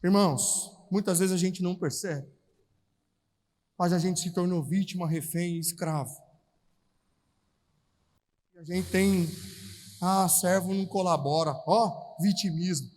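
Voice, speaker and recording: A man with a Brazilian Portuguese accent preaching a charismatic sermon at a retreat, animated, calling out to the brothers and acting out Bible scenes in slangy everyday voices. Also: high voice. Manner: calls out to the audience, repeating "irmãos". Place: large hall at a retreat. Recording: reverberant hall sound.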